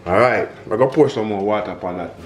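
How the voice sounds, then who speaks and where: A man's voice: on the low side, quick pace, a little hiss or hum. Jamaican man chatting through a cooking demo. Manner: chatty and relaxed, with Jamaican patois phrases. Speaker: home cook and vlog host. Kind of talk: casual cooking demonstration. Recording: echoey kitchen with background music.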